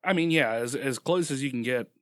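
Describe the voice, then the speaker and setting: A man's voice: medium pitch, a little fast, fairly bright tone, no room sound, studio quality. A young man co-hosting a podcast, teasing and laughing often as he reads the outro in casual banter. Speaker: podcast co-host. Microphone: close dynamic studio mic.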